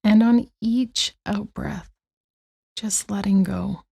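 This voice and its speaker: Guiding a body-scan meditation, this woman speaks at a medium pitch with a steady, soft, mellow tone and a hint of creak. Her pace is very slow and gentle, and long silences settle between her calming words.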